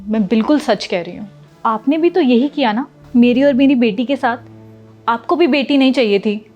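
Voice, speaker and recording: A woman playing a patient young daughter-in-law who speaks gently and pleadingly to her family. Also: sits high, highs cut off. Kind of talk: Hindi short film acting.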